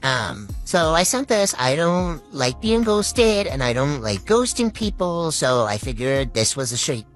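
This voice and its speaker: A woman in her thirties, her voice run through a deep pitch-shifting voice changer, telling a story casually to viewers with frequent "um" pauses. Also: sing-song, faint music behind. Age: 30s.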